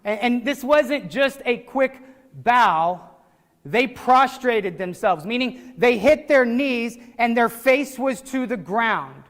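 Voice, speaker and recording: High-voiced pastor preaching in an echoey hall. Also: male voice, slow pace. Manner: conversational, animated preaching with restarts and asides. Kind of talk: sermon. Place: church sanctuary.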